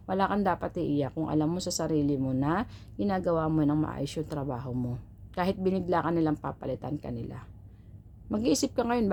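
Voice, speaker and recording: A woman from the Philippines vlogging casually about her work as a household helper. Her voice sits low, and she talks in a chatty, advice-giving way with frequent rhetorical tags. A faint hum of room sound lies behind her. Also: warm tone. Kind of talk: casual storytelling to viewers.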